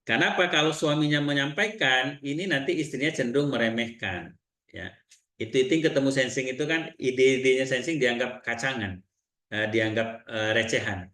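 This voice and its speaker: A man with an Indonesian accent giving a seminar talk, telling client stories in lively quoted dialogue. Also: medium pitch, echoey room. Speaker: seminar trainer.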